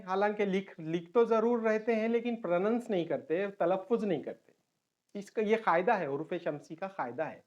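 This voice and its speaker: A man's voice: high voice, darkish tone. Male teacher. Patient online lesson that repeats key terms and switches into English. Dull, lo-fi recording.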